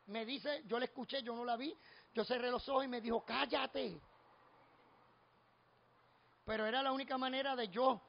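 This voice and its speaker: A man's voice: very high-pitched, dull audio. A middle-aged man with a Puerto Rican accent, preaching a sermon with personal stories that build to fervent repeated refrains. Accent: Puerto Rican Spanish.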